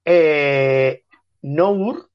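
Man, Spain Spanish accent, podcast co-host, rambling, jokey, fairly high voice, dry lo-fi sound. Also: drawn-out words, smooth. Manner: rambling, jokey, trails off mid-sentence. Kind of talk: casual chat.

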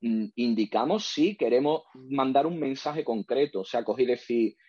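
A man, talking in a halting, rambling way full of fillers on a podcast. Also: medium pitch, lively intonation, darkish tone, breathy edge, no echo. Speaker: podcast guest. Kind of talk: casual podcast discussion. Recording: dull, dry lo-fi sound.

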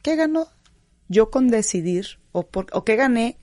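A young adult woman from Mexico with a Mexican accent, a professional footballer answering interview questions in an expressive, animated way. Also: a little high, no echo, clean studio sound. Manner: expressive, animated storytelling with quick asides.

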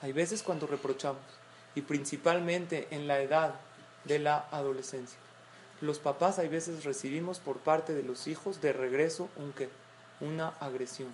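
A woman's voice: low-pitched, steady tone, moderate pace, a little hiss or hum. A middle-aged woman giving a parenting talk to a group of mothers, explaining points and acting out example quotes. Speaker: parenting class speaker.

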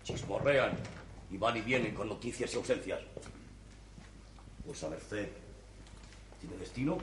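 A stern, suspicious nobleman of the sixteenth century, played by a man in a 1960s TV play, with a lowish voice and a Spain Spanish accent. He speaks in a formal, commanding, archaic way. The sound is echoey, from an old TV studio. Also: measured pace, noisy background, natural voice. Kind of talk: 1960s TV stage play acting.

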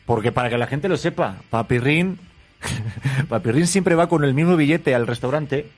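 A man's voice: mid-range voice, moderate pace. A man with a Spanish accent hosting an interview in a jokey, affectionate way, laughing often. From Spain. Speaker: host. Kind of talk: casual interview chat.

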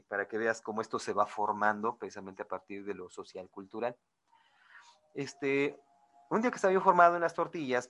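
A man's voice: medium pitch, a bit bright. A middle-aged man with a Mexican accent, teaching a class in a loose, digressive way, full of fillers and direct check-ins with his students. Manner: chatty and digressive, with frequent "este" fillers and asides; addresses listeners directly, checks with "¿no?" and "¿sí?". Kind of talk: informal lecture to students.

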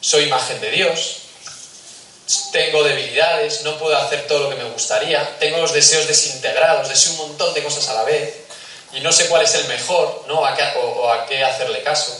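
Male speaker addressing parents, bright and forceful, chatty with asides to the audience, recorded far off in a roomy hall. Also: on the high side, normal speed, slight background noise. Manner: conversational, asks the audience questions, acts out little scenes. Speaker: speaker giving a talk on family and faith. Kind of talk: talk to parents.

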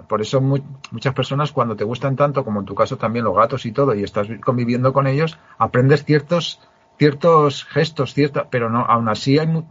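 Husky-voiced man telling a story. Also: medium pitch, a bit bright, no room sound. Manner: storytelling, emphatic with frequent restarts. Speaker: podcast host. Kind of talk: casual conversation. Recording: muffled lo-fi sound.

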